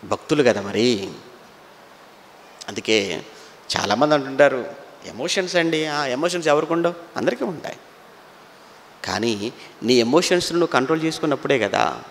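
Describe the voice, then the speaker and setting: A man's voice: medium pitch, expressive, moderate pace, pauses often, long reverb tail, slight background noise. A man preaching a sermon, telling the story and putting rhetorical questions to his listeners.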